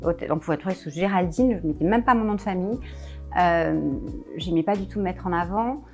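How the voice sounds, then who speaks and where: French woman coach, low voice. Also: brisk, darkish tone, faint music behind. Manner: hesitant, many fillers and restarts. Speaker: business coach, guest. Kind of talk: casual interview chat.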